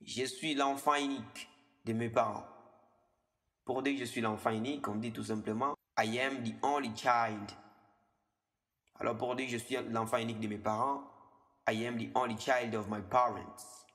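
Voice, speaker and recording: Guy in his 20s teaching english, says the examples slow and twice, echoey reverb-y room. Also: medium pitch, fairly even intonation, fairly bright tone. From DR Congo. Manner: slows down and repeats the English example phrases. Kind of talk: language lesson explained in French.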